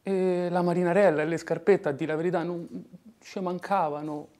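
Actor playing an anguished working-class son, male, old Roman accent, theatrical monologue, impassioned, fairly high voice. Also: steady tone, normal speed, lightly acted. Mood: wistful. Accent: Roman (old Romanesco dialect). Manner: impassioned, swinging between hushed murmurs and outbursts.

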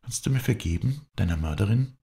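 A man voicing a grieving, fervent young noblewoman, his voice pushed far higher into impassioned, pleading cries. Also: a little slow, gravelly, dark tone, exaggerated voice. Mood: anguished.

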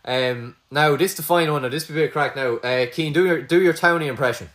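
A man's voice: on the high side, fast, a bit bright. A man with an Irish accent hosting a casual podcast quiz, full of crude teasing banter. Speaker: quizmaster host.

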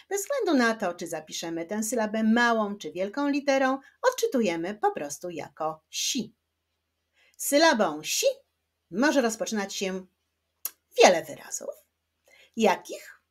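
Slow, lively-voiced woman teacher. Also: medium pitch. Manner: slow, clapping out syllables one by one. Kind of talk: children's reading lesson.

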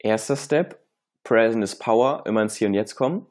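Energetic motivational male coach. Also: fairly low pitch, fairly quick. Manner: energetic, emphatic, mixes in English phrases. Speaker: coach, interview guest.

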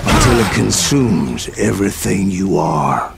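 Drawling, brooding old American gunslinger. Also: male voice, sits low, sing-song, a little slow, gravelly, heavy background noise, exaggerated voice. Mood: ominous. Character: old, weathered Wild West gunslinger spinning yarns, brooding. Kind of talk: storytelling narration in a western game. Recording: loud music behind the voice.

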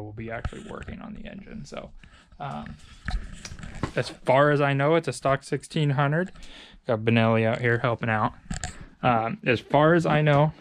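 A man casually narrating a walkthrough of a car project in a shop, relaxed and loose, with fillers and restarts. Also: mid-range voice, creaky, slight background noise. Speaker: garage vlogger. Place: body shop and home garage.

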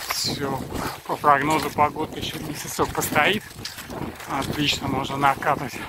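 Guy skiing and rambling to his action cam, kinda high voice, windy mic hiss. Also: level tone. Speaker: skier filming his training. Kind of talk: casual spoken commentary while skiing. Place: outdoors on a snowy forest ski trail. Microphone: action camera worn while skiing. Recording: wind noise on the mic. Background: wind rushing past the mic.

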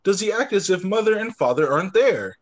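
A young male teacher with a fairly high voice reads picture books to small children at a fairly quick clip. He's indoors on a video call, performing the dialogue in character voices and adding quick asides.

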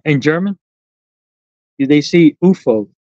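A livestream host with a Puerto Rican accent runs a casual live chat during an eclipse viewing, playful and full of banter. The voice is medium-pitched, animated, unhurried and warm, with no echo but dull lo-fi livestream audio.

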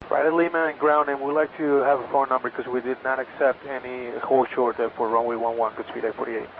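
A male pilot talks quickly into a cockpit headset in clipped aviation phraseology. His medium-pitched voice comes over aircraft radio, dulled and with some noise underneath. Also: flat delivery. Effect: aircraft radio transmission. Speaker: pilot on air traffic radio. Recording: muffled, noisy cockpit radio transmission.

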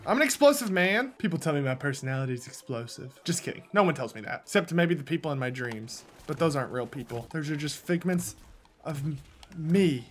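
A man giving casual, jokey commentary on his own gameplay, often breaking into loud yells at opponents. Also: mid-range voice, brisk, slight background noise. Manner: excitable, yells at opponents, jokey self-talk. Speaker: gaming video host.

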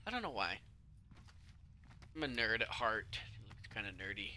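A man's voice: lowish voice, sing-song, normal speed, pushed and bright, a little hiss or hum. A man casually commenting while playing a video game, chatting to the characters on screen and breaking into sudden yelps and whispers. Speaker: let's play gamer.

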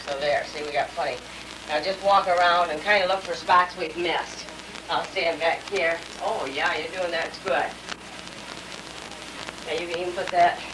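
A woman's voice: on the low side, fairly even intonation, moderate pace. A woman talking casually and giving step-by-step instructions to a child, heard on an old home video tape. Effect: old home video tape sound. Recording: noisy, echoey old camcorder tape from far off.

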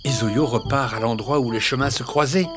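A man narrating a children's tale in an expressive storytelling manner. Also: mid-range voice, moderate pace, music in the background.

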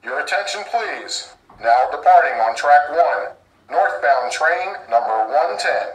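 Give me a formal station loudspeaker announcement from a man, echoey. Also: a little high, expressive. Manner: measured, slow and formal. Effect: train station loudspeaker announcement played from a model train's sound unit. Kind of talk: formal public address announcement.

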